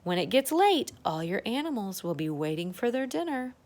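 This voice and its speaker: Reading a storybook at circle time, this teacher fills the tale with chatty asides, exclamations and questions for the children. Her medium-pitched, slightly mellow voice has a sing-song quality and a moderate pace.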